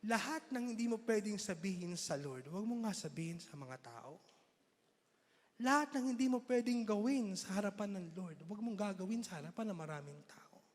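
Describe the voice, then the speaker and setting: A man's voice: high-pitched, animated, fairly quick. A man preaching at a youth camp, repeating his refrains and throwing playful questions at the crowd. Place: large hall. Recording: long reverb of a large hall.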